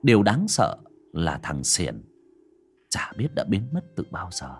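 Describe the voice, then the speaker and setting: Male narrator, dramatic horror reading, low husky voice, very lively pitch. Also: measured pace, faint music behind. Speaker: storyteller.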